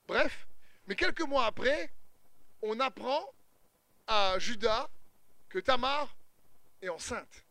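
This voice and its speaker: A man preaching a sermon, retelling a scripture story with humor and lively asides. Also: extremely high pitch, slow, pauses often, dry recording.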